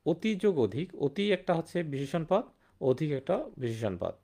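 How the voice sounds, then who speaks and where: A man's voice: fairly high pitch, big pitch swings, normal speed, mellow. A man teaching a grammar lesson online, asking rhetorical questions and repeating key words. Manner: rhetorical questions with "hum?" and "thik na?".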